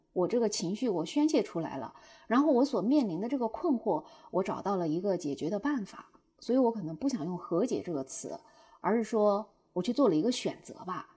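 A young woman telling viewers a personal story in a lively way, acting out her own past outbursts. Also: medium pitch, husky. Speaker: short-video creator.

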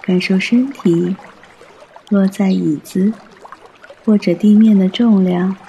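A man guiding a meditation in a soft, soothing, unhurried way, as a meditation guide. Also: high-pitched, steady tone, vocal fry, slight background noise.

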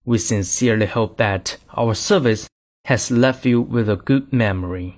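A man reading scripted in-flight cabin announcements in a formal, measured announcer manner. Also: on the low side, a little mellow.

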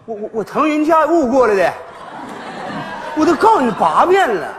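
A man's voice: very high voice, normal speed, a faint crowd. A man, performing sketch comedy in a teasing, laughing manner. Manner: animated, teasing, often laughing. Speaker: comic actor playing a father. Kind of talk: northeastern Chinese sketch comedy. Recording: live stage, hall reverb, audience.

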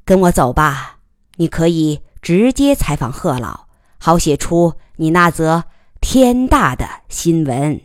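Woman reading a calm, wry plainclothes cop. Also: low-pitched, unhurried, no echo, clean studio sound. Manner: even-tempered, wry. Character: calm, smooth-talking young plainclothes policeman.

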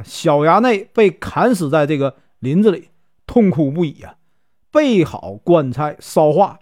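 A male storyteller with a Northeastern Mandarin accent, relaxed and folksy, sprinkling small fillers through the tale. His pitch moves a lot and sits somewhat high. The recording is close and dry. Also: dry recording. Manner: folksy, filler-laden telling. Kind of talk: casual storytelling narration.

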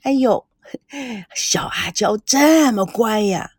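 A warm old village grandmother in an audiobook, played by a woman narrator speaks softly and dotingly. The voice is breathy and husky, recorded close and dry. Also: a little high, lively intonation, takes it slowly, no room sound, exaggerated voice.

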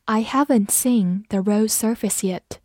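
A woman's voice: medium pitch, slow, darkish tone, dry recording, studio quality. A woman teaching English vocabulary, saying each word twice and then giving its meanings, in scripted lesson narration.

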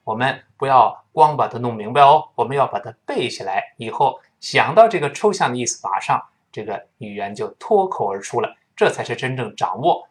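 A man teaching English pronunciation in Mandarin Chinese, who drills each phrase slowly and repeats it for his students to say back. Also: mid-range voice, animated.

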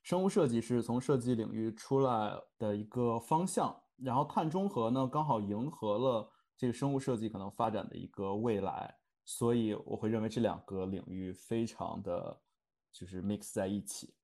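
A man's voice: on the low side, normal speed, creaky, mellow. A young man in his twenties, a student, speaking as a podcast guest in a hesitant way with many restarts. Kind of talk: casual chat.

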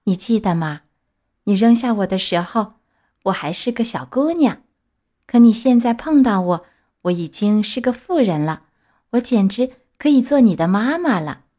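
A woman voicing a kind, motherly fairy woman in a children's story reading, calm and gentle. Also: mid-range voice, moderate pace, close to an everyday voice.

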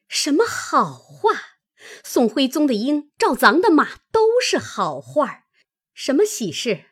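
A woman's voice: fairly high pitch, breathy edge, heavily acted. A woman voicing a proud young maid who scolds sharply and refuses to back down, in a read-aloud classic story.

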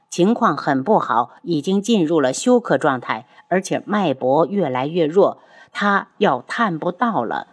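A woman giving scripted, expressive narration of a novel. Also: on the low side, dry recording, studio quality. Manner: expressive storytelling. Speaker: audiobook narrator.

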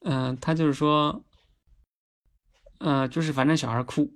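This is a man chatting casually on a livestream, his voice sitting a bit high with a fry-like rasp. He speaks earnestly and conversationally, often pausing to check in with listeners. At times he presses a point with clear emphasis. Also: fairly even intonation. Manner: chatty, often adds tag questions. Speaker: livestream host.

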